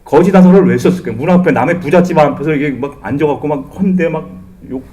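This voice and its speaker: A middle-aged man preaching a sermon in church as pastor, animated and humorous, acting out the voices he quotes. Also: on the high side, fast talker, a crowd in the background. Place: church sanctuary.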